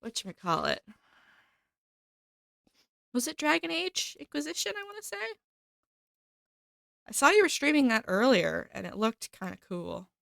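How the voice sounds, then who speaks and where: This woman's slightly high voice is gravelly and a bit bright, with big pitch swings, a moderate pace and frequent pauses. She's casually streaming from home, chatty and upbeat, talking to chat and thanking subscribers while a little stuffy from a cold. Her desk mic and headphones give a dry, studio-quality recording.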